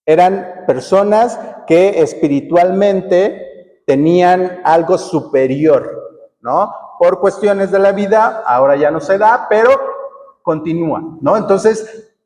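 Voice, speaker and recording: A woman from the Oaxaca coast with a Mexican accent facilitates a workshop, explaining patiently and frequently checking in with her listeners. Her voice is lowish and mellow, and she takes her time. The hall gives the recording a long reverb.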